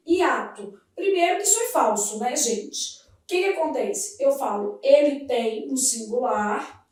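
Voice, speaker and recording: A woman teaching a grammar lesson, explaining each point step by step and asking the class quick questions. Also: sits high, expressive, darkish tone. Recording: echoey room, far from the mic.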